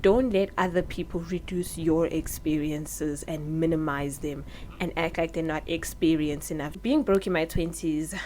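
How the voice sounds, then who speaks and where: A young South African woman in her early twenties, seated indoors, gives candid and earnest advice in a vlog recorded on her own popping mic. Her voice sits fairly low with a darkish tone, and the poor audio carries a faint hiss or hum.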